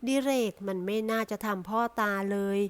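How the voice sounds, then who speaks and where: A woman voicing an indignant old nobleman who grumbles about taking revenge, in a slightly lowered voice. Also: normal speed, lightly acted.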